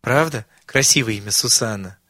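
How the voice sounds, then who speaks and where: A man's voice: mid-range voice, normal speed, bright, forceful tone, no room sound, clean studio sound. A man voicing a sly, wheedling old former factory owner in an audiobook.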